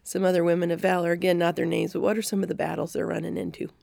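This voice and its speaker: Woman, Bible study leader, gravelly low voice, dry close sound, earnest and reflective. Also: flat delivery, very fast, a little mellow, no echo. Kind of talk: faith-based podcast discussion.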